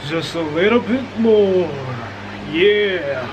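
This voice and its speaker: A man's voice: high-pitched, animated, slow pace, noisy background. A young man chatting casually in a cooking vlog, joking with viewers while he whisks, tired and a little out of breath. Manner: playful, jokey, talks to viewers while whisking. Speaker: vlogger.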